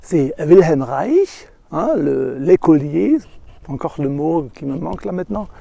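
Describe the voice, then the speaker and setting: A middle-aged man with a foreign, German accent talks in a rambling monologue. His voice sits a little high for a man, yet is gravelly with fry, and the sound is close and dry. He pauses often to search for the right word. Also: lively intonation, mellow, dry recording. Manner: halting, searching for words, with tag questions.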